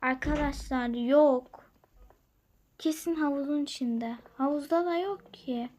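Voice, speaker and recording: A young woman hosting a gaming channel, chatting to her viewers as she plays, moving from hushed whispers to loud, excited calls. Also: high-pitched, takes it slowly, a little hiss or hum. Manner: lively, talks to viewers, jumps between loud excitement and quiet whispers. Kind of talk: chatty gameplay commentary.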